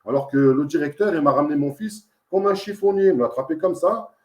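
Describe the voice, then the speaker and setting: In an echoey room, a man with a high-ish voice speaks fast as an interviewee. He's a father at odds with social services, and his casual, emphatic account circles back on itself with insistent repetition.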